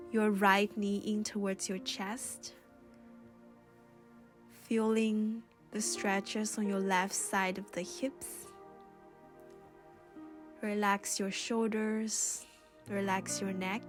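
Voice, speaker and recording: A yoga instructor guides yoga and meditation over music, her mid-range voice slow and even. She leads in a soothing, gentle, unhurried way, leaving pauses.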